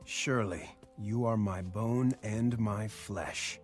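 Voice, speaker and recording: A man's voice: fairly low pitch, takes it slowly, faint music behind. A man playing Laban, a welcoming older head of a household, in a dramatized audio Bible.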